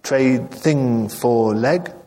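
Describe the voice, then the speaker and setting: A man's voice: medium pitch, extremely slow, mellow. Man voicing a resolute young woman in broken English. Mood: earnest. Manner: broken, clipped English phrases. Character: young Japanese woman speaking halting English, calm and resolute.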